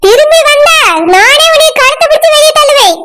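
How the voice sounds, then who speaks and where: A sharp-tongued cartoon village woman with a Kanyakumari Tamil accent, scolding and accusing without letup, as a woman acts her out. The voice sits extremely high. A heavy layer of noise runs under the recording. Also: expressive, brisk. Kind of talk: cartoon voice acting.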